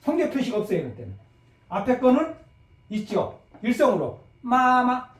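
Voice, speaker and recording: A middle-aged man teaching a recorded language lecture, acting out phone calls and crisp shouted replies to demonstrate tones. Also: high-pitched, huge pitch swings, brisk. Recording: echoey room, voice a bit far from the mic.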